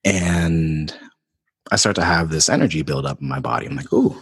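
A man's voice: rumbling low, moderate pace, vocal fry, breathy edge, in a large hall. A man in casual podcast conversation, telling a story animatedly, laughing and swearing casually.

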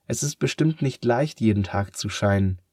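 A man voicing an eager, caring young girl in a children's story, raising his voice high. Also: moderate pace, slightly rough, no room sound, studio quality. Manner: bright, pleading, raised voice.

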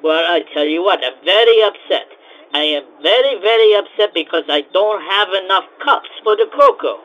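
An actor playing a flustered cocoa-house owner who rants in exasperated, broken grammar and keeps repeating himself. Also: male voice, high voice, moderate pace, pushed and bright, lo-fi sound. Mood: fretting. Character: flustered male cocoa-house owner, frantic, put-upon.

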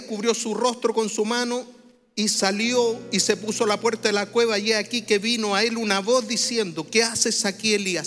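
High-voiced man preaching in a hall. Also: a bit bright. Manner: asks the congregation to repeat phrases. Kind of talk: sermon. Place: church hall before a congregation. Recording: reverberant hall.

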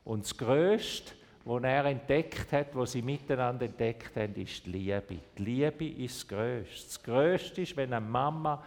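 Pastor in a reverberant church. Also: male voice, medium pitch, unhurried. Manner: animated storytelling, dropping to a soft hush for tender phrases; asks the congregation questions. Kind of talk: family church sermon.

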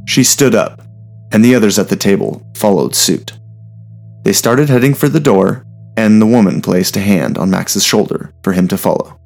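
A man narrating a story in a steady, measured reading voice. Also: lowish voice, creaky.

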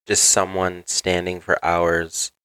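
A man's voice: low-pitched, monotone, takes it slowly, a bit bright, smooth, no room sound, rough recording. A man talking as a podcast guest in casual chat, rambling and hedging with lots of fillers.

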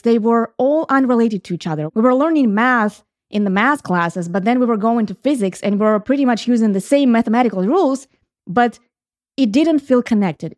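A middle-aged Ukrainian woman hosts a reflective solo podcast, recorded with clean studio sound and no echo. Her voice is on the high side and a little mellow, and she explains things earnestly, thinking aloud and restarting sentences.

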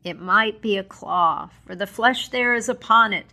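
A woman voicing a sorrowful, stern Christmas spirit, giving slow, solemn warnings in a storybook reading. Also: medium pitch, bright, forceful tone, voice pushed up.

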